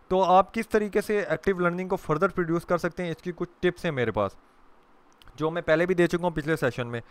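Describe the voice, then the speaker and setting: A man's voice: fairly high pitch, clear, resonant tone, dry recording. A young adult man from Pakistan giving a training lecture to camera, explaining patiently with English terms mixed into his speech and occasional fillers. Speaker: corporate trainer.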